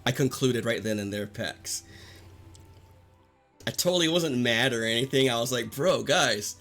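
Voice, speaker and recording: Playful, lively male game streamer. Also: medium pitch, moderate pace. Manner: playful, jokey, teasing chat, laughs often. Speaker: live streamer. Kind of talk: casual live-stream chat while gaming. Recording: game music behind the voice. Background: video game music.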